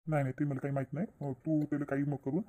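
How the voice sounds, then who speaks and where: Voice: medium pitch, little pitch movement, rapid-fire, mellow, close to an everyday voice. A voice actor playing an insistent young man in a cartoon, begging his sister for money. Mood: pushy. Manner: insistent, pleading. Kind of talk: cartoon voice acting.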